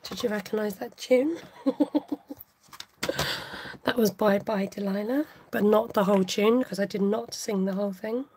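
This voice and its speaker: A woman's voice: medium pitch, fairly even intonation, moderate pace, pauses often, a little mellow, a little hiss or hum. A woman hosting a live craft tutorial, chatting casually to her viewers while she works.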